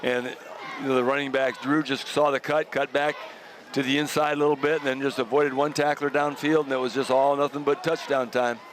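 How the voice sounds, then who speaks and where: A man giving casual color commentary on a high school football game. He is chatty and enthusiastic and chuckles often. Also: level tone, a little fast, crowd noise, noisy background.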